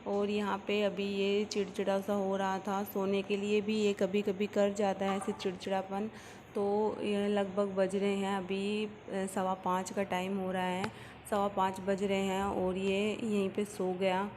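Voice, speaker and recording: Woman, home vlog narrator, steady monotone delivery, soft fillers, long room reverb. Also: medium pitch, measured pace, slight background noise. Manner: calm, explanatory, with soft hesitation fillers. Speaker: mother vlogging her baby's routine. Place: indoors at home.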